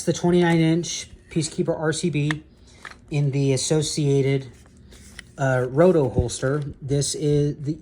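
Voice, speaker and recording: A man's voice: mid-range voice, darkish tone, a little hiss or hum. A man in security work walking through his duty belt gear casually, rambling and correcting his own slips as he goes.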